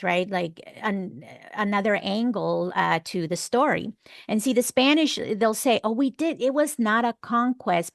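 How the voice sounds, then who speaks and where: A woman's voice: mid-range voice, no echo, studio quality. A woman from El Salvador leading an online class discussion, talking in a chatty way with many fillers and restarts. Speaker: class leader.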